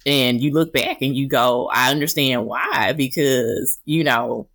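A woman guest on a podcast in casual chat, reflective and laughing softly between thoughts. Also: very deep voice, measured pace, no echo, studio quality. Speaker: podcast guest, author and speaker.

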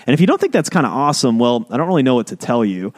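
A man's voice: medium pitch, racing. Man telling a history story in a podcast. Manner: storytelling, animated emphasis. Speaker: podcast co-host. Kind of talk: casual explainer chat.

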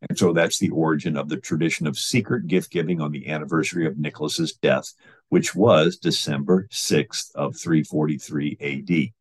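A man with a very low, husky voice recounts history in a loose, informal way. He pauses on fillers and restarts his sentences as he tells the story. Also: steady tone. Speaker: history lecturer.

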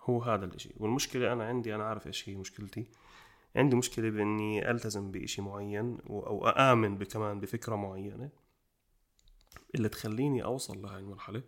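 A man with a Jordanian accent hosting a casual podcast chat. He talks in quick, emphatic bursts and gets loud when he makes a point. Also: fairly low pitch, fairly even intonation. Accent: Jordanian Arabic. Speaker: podcast host.

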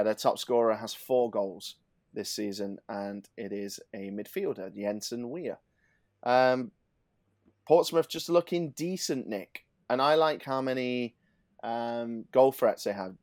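A man from England co-hosting a betting podcast, laying out stats emphatically and dropping into quieter asides. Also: mid-range voice, no echo, clean studio sound. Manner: emphatic, builds lists of stats, then drops to asides. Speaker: podcast co-host, betting tipster. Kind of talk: casual football betting chat.

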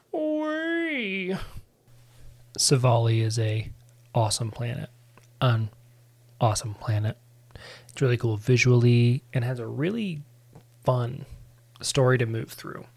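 A man hosting a podcast, recapping a game in a loose and sarcastic way. His voice is gravelly, with a fry at the ends of phrases, and sits at an ordinary middle pitch. He swears freely and wanders off on tangents. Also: darkish tone. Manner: profane, sarcastic and rambling. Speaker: podcast host.

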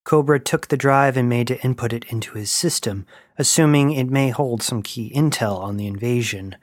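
A man narrating a science-fiction story in a steady, even reading voice. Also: medium pitch, normal speed, dry recording, clean studio sound.

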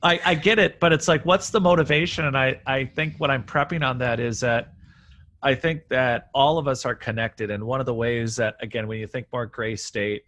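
A man talking casually as a podcast guest, rambling and animated, full of restarts. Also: mid-range voice, moderate pace. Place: room near a railway line.

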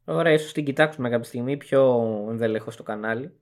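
A man's voice: mid-range voice, darkish tone. A young man co-hosting a podcast, casually talking through arguments point by point. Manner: analytical, lists arguments point by point. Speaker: podcast co-host.

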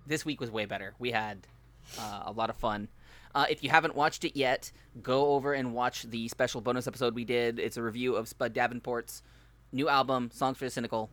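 A young man hosts a relaxed podcast with an upbeat, joking manner. His voice is bright and forceful, pitched in an ordinary middle range. He rattles off plugs loosely, as if chatting with friends. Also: a little fast. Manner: upbeat, jokey, reads sponsor plugs loosely. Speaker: podcast host. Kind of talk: casual podcast chat.

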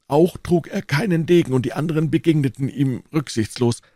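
A man's voice: fairly high pitch, fairly quick, warm tone, no room sound, clean studio sound, pitched above the performer's own voice, close to an everyday voice. A man doing a proud old nobleman. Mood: recounting.

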